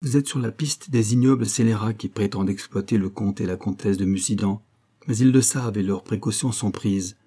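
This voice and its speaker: A man reading an audiobook, voicing a cordial, worried gentleman who speaks heartily and gravely. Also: fairly low pitch, brisk.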